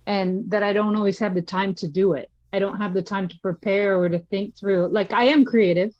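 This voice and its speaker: A woman's voice: medium pitch, steady tone, a little fast, no echo. Earnest woman on a dry call. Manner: earnest, repeats herself to stress a point. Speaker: missionary in class. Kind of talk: casual group discussion. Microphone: video call. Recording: dry, muffled call audio.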